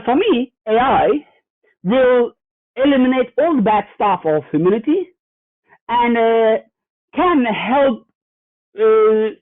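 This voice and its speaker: Over a dry, tinny remote line that sounds like a phone, a very high-pitched German man appears as a guest cybersecurity executive in a fireside chat. Earnest and example-driven, he keeps hesitating with fillers and restarting.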